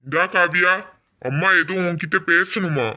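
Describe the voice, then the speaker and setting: A man's voice: sits high, moderate pace, dull audio. A man playing a devoted husband who speaks earnestly and indignantly in a family drama skit.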